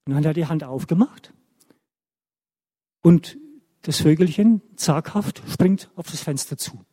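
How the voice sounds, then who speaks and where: A man tells a story to children in church. He is animated and keeps checking in with his young listeners. His voice sits fairly high but mellow, with a long reverb trailing off the church walls. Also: measured pace.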